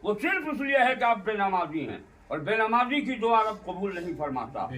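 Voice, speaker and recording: A man giving a fiery public sermon as a religious orator, building to impassioned shouts, recorded from a distance. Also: high-pitched, sing-song, moderate pace, slight background noise.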